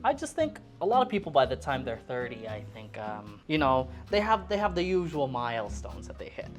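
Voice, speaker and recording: Over music, a very deep female voice speaks a little fast in a sing-song manner. She's a cooking vlogger from the Philippines in her twenties, rambling casually and joking at her own expense while cooking at home.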